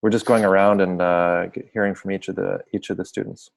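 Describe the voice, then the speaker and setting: A man's voice: sits low, level tone, brisk, gravelly. A man hosting an online seminar over a video call, explaining projects informally and apologizing for glitches. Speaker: seminar host.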